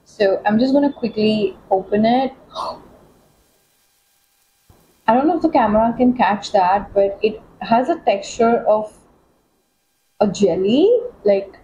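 A woman talking through a makeup tutorial as a beauty vlogger, chatty and excitable, with many fillers. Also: mid-range voice, normal speed, dull audio, a little hiss or hum. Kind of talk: casual makeup tutorial chat.

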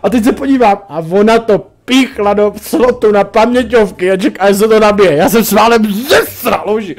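A young man telling a story on a casual vlog, crude and profane, with excitable outbursts. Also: sits high. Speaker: vlogger.

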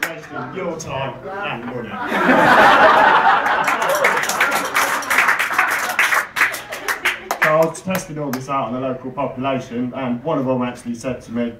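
A man performing amateur stand-up comedy to an audience through a stage microphone, with laughter from the crowd. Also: medium pitch. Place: dark comedy venue with an audience. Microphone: handheld stage microphone, filmed from the audience. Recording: distant, echoey, noisy audience camcorder recording.

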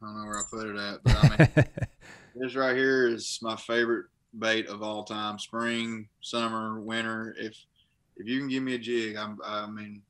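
The guest, a young adult college linebacker and bass angler from Kentucky, speaks at a fairly low pitch and moderate pace in a bright, tense monotone. He rambles and restarts phrases frequently during a casual video-call interview from his living room, and the laptop webcam recording sounds rough.

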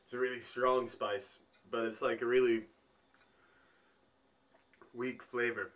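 Brief: male food vlogger, unhurried, halting thinking-aloud delivery. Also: mid-range voice, little pitch movement, a bit bright. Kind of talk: food tasting vlog.

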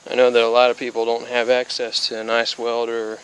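Brisk and mid-range, a young man's voice rambles through a casual how-to outdoors by a car, then under a metal-roofed shed. He's a DIY hobbyist in his twenties, spacey from being sick, with a flat delivery and many fillers and restarts. The audio is poor, with a little hiss or hum.

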